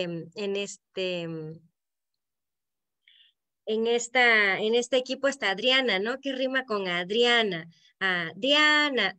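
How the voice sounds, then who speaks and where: A woman's voice: a little high, pushed and bright. Veracruz Mexican woman teaching a poetry workshop. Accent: Veracruz Mexican Spanish. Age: middle-aged. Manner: explanatory, asks the group to check in with frequent "¿no?". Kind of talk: online workshop lesson. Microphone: video call.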